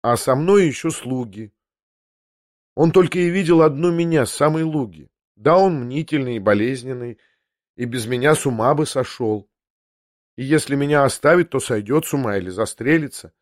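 A man reading as a quiet, proud young woman. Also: mid-range voice, normal speed, dry recording, studio quality, lightly acted. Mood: quiet, sad. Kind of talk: audiobook character voice.

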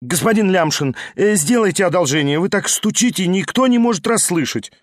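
A man doing a prim soft-spoken teacher. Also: high voice, animated, fairly quick, no room sound, clean studio sound, voice pushed up. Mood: polite. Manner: soft, formal, precise. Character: prim, soft-spoken lame male schoolteacher.

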